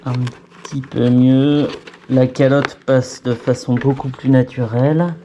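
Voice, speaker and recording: Guy tinkering and muttering to himself, warm low-key voice, bit of hiss behind. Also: fairly even intonation, measured pace, dull audio. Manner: chatty, muttering to himself, self-mocking. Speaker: vlogger fitting a helmet intercom. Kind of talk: casual talk to camera while working.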